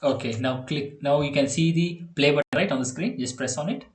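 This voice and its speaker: A man with an Indian English accent tutoring a child in programming on a video call, chatty and quick to laugh. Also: on the high side, roomy sound. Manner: chatty, laughs often, repeats okay and yeah. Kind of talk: online one-on-one coding lesson.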